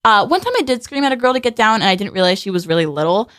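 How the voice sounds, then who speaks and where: A woman's voice: mid-range voice, lively intonation, very fast, a bit bright, no echo. Young woman guest on a radio show, chatty n sarcastic, says like a lot, dead dry studio mic. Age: 20s. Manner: chatty and sarcastic, laughs often, heavy use of "like". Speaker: guest musician. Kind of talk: casual interview chat.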